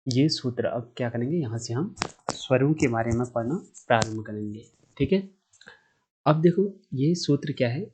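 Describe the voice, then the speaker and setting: A man's voice: mid-range voice, warm tone, breathy edge. A man teaching Sanskrit grammar online. He explains step by step, asks himself questions and answers them, and stretches vowel sounds to show their length.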